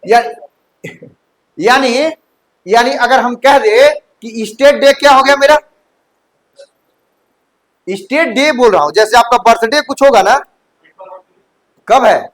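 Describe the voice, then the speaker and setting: High-voiced male coaching teacher. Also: takes it slowly, pauses often, poor audio. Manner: checks understanding often, mixes English terms into Hindi. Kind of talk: classroom lecture. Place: classroom.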